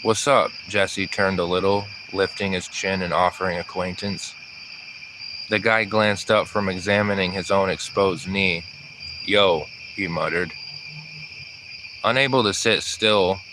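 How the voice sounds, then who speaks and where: A man narrating an audiobook in a steady, even reading voice. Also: sits low, noisy background. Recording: crickets and insects in the background.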